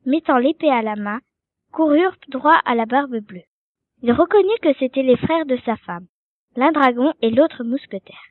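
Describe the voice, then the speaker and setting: High-pitched woman storyteller reading a fairy tale, steady pace, thin phone-like dry recording. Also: no echo.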